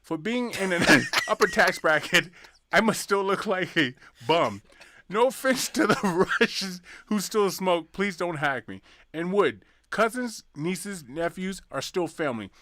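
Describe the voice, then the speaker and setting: A man with a slightly high, very lively voice trades jokes with his co-host in a casual podcast chat. He swears freely and slips into silly voices for his bits. The recording is close and dry. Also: unhurried, no echo.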